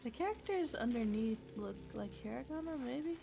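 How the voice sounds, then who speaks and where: Female co-commentator, slightly high pitch, giggly, relaxed conversational game-stream banter. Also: moderate pace, vocal fry, background noise. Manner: giggly, laughs often. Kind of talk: casual chat over a game stream.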